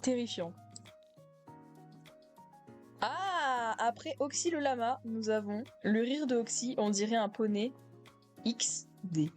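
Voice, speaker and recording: A teenage girl in high school, casually reacting to her own old comments, self-mocking, with many fillers and laughs. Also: moderate pace, a little mellow, faint music behind. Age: teens.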